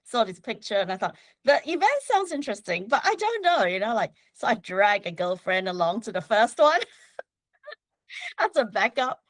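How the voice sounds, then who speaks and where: A woman's voice: a little high, very animated, moderate pace, no room sound. Chatty Malaysian-born woman, dry sound. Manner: chatty, laughs often. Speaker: guest local guide. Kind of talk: casual livestream interview.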